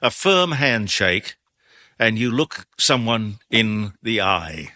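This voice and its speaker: A man's voice: fairly low pitch, slow, no echo, studio quality. A man hosting an interview, asking questions and encouraging the guest with short interjections. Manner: lively, encouraging, brief interjections. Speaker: interview host. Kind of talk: interview conversation.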